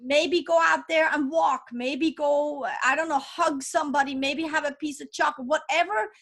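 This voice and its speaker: Non-native english speaking lady, high voice, chatting all upbeat on a podcast. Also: normal speed. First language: not English. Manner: enthusiastic, upbeat, animated. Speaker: podcast guest, author. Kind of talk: casual interview chat.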